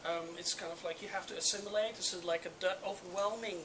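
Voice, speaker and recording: Dutch-accented panelist, mid-pitched, halting with many fillers; captured at a noisy public event. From Netherlands. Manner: relaxed, hesitant, many ums and uhs. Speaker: urban demographer on a panel. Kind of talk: panel talk to an audience.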